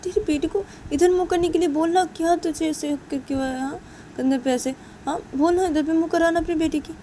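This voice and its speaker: A woman doing a high, bossy older sister. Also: steady tone, brisk, dark tone, a little hiss or hum.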